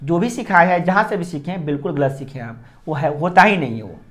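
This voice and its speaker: A man's voice: a little high, animated, quick pace, a bit bright. Male teacher explaining grammar in class. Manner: repeats points and checks understanding often.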